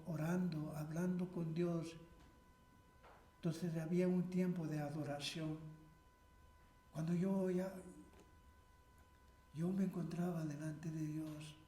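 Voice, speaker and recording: A man preaching a sermon in a high, mellow voice, slow and deliberate. He is emphatic, repeats his phrases and hits stressed words hard. The recording is echoey, as in a church hall. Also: little pitch movement. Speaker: pastor.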